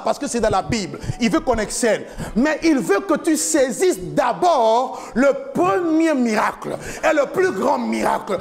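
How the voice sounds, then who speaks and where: A man in his forties preaching an impassioned sermon from a church stage into a handheld mic, often shouting in a chanting cadence. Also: very high-pitched, vocal fry. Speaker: pastor. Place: large church hall with a stage, indoors.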